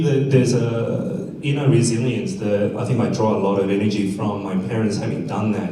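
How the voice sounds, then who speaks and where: This panelist, originally from South Korea and later from Australia, muses on his life in a conversational, measured way at a community fireside chat. His voice is lowish and dark-toned. Echo fills the indoor event room, and the distant mic catches faint noise.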